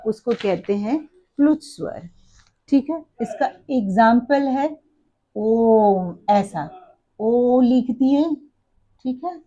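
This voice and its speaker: Slow, patient woman teaching a lesson. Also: on the high side, mellow. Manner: explains step by step, asks the class questions; counts items aloud and corrects her own slips. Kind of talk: exam-prep lesson. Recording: dull lo-fi recording.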